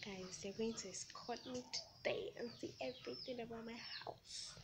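A woman's voice: a little high, normal speed. A woman vlogger who has just woken up, chatting casually and in a rambling way to her viewers in a sleepy morning voice. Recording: very noisy handheld phone recording.

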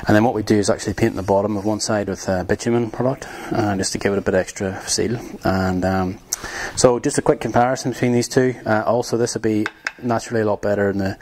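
A young man walks through building materials in a workshop. His voice sits a little low, and he talks in a loose, casual way with plenty of ums. It sounds like an easygoing hands-on demonstration. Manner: relaxed, rambling with many ums. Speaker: tiny house builder.

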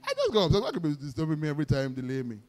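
A Nigerian-accented male pastor delivers a sermon in a somewhat high, lively voice that swings widely in pitch. He punctuates his stories with shouts of praise and acts out the conversations he tells. He leads the congregation in repeating declarations back to him. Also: very fast. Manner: exclamatory, peppers talk with praise shouts; vivid storytelling, acts out dialogue.

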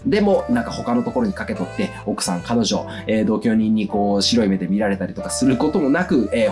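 A man in his thirties with an Okayama accent gives a casual review to camera, mixing old-fashioned dialect phrasing with polite turns. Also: fairly low pitch. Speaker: vlog host and clothing reviewer. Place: small furnished room indoors.

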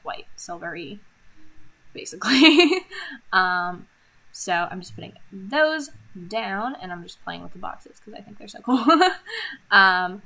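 A woman's voice: mid-range voice, gravelly, pushed and bright, poor audio. A woman vlogger chatting casually over her planner setup, rambling with lots of ums and little laughs.

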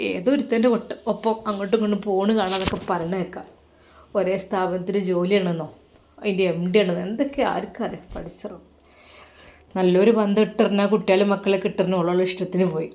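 A woman voicing a grieving elderly father who speaks quietly and heavily in a Malappuram Malayalam accent. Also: medium pitch, fairly even intonation, a little fast, lightly acted. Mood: sorrowful. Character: grieving old father of a wayward daughter, soft-spoken.

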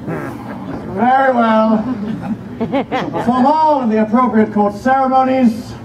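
A man's voice: very high-pitched, moderate pace. A man playing an imperious, boisterous Renaissance king at a fair, proclaiming pompously in theatrical olde English on an outdoor stage. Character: imperious, boisterous King Henry the Eighth of England. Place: outdoor wooden stage at a fair, far camera. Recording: distant, muffled, echoey outdoor stage, noisy.

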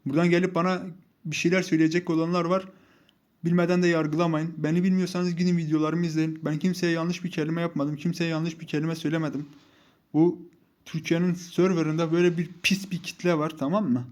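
A young man talks over his mobile game as he plays it. He scolds and mocks his teammates with heat, and his voice sits a little higher than most men's. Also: level tone, fairly quick, darkish tone. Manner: heated, scolding and mocking teammates. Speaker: gaming YouTuber. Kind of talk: live mobile game commentary.

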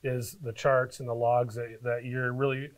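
A middle-aged man hosting a fishing podcast, asking relaxed, casual interview questions in an indoor tackle shop. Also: medium pitch, moderate pace.

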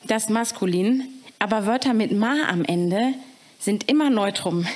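A woman voicing an earnest young male student who explains grammar slowly, in a learner's broken phrasing. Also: high voice, slight background noise.

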